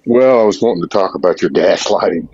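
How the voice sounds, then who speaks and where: A man's voice: sits low, expressive, fast talker, darkish tone, dull audio. A man in his sixties calling into a show, combative and accusatory, repeating his points. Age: 60s. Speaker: caller. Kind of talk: heated call-in argument.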